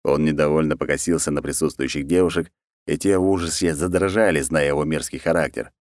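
A man's voice: rumbling low, brisk, darkish tone, no echo, studio quality. A man reading an audiobook in a wry, mocking storytelling manner. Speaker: audiobook narrator. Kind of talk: scripted narration.

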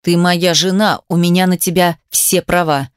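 A woman reading aloud voices a domineering, possessive husband in a low, menacing hiss. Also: fairly even intonation, normal speed, clean tone, no room sound, studio quality, natural voice. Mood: growling.

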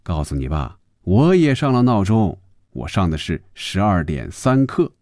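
A man's voice: low voice, big pitch swings, measured pace, a little mellow, no echo, clean studio sound. A man doing a glib, teasing salesman. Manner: coaxing and joking.

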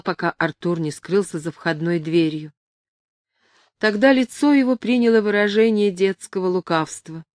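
Lady reading an audiobook, steady and measured, dry close mic. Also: fairly low pitch, no echo. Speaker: audiobook narrator. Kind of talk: scripted narration of a novel.

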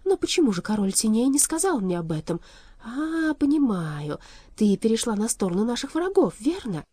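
A stubborn, agitated straw scarecrow, as a woman narrator puts him on, in a storybook reading. His pitch moves a lot, and the tone is warm and mellow, heard up close in a dry room. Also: sing-song, moderate pace, husky, dry recording. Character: stubborn male straw scarecrow, bewildered captive.

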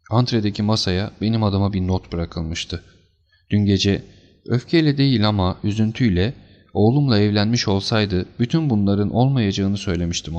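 A man's voice: on the low side, darkish tone, big-room sound, voice pushed up, close to an everyday voice. A man voicing a distraught, emotional older banker who speaks in pleading, anguished bursts, for an audiobook. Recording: slightly dull lo-fi recording.

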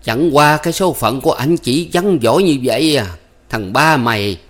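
A man's voice: medium pitch, moderate pace, pitched above the performer's own voice, lightly acted. A man doing an older matron, resigned.

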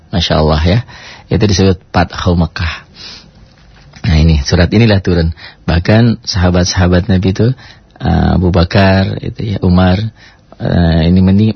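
A man's voice: breathy edge, no echo. Patient man drilling recitation syllables. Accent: Indonesian (Jakarta). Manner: patient, repeats sounds slowly, jumps high on drilled syllables. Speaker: Quran recitation teacher. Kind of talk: tajwid lesson with drawn-out syllable drills. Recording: dull dry lo-fi radio recording.

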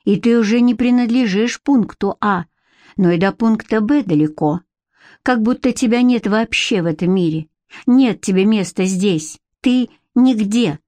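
A woman narrating an audiobook in a calm, expressive reading style on a close studio mic. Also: mid-range voice, a little slow, no echo. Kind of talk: scripted narration.

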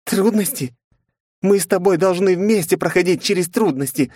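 A man's voice: sits high, normal speed, darkish tone, no room sound, clean studio sound, voice pushed up. A man voicing a haughty, possessive young princess who snaps, scolds and threatens in an audiobook. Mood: furious, threatening. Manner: snapping, scolding, menacing. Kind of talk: audiobook character voice.

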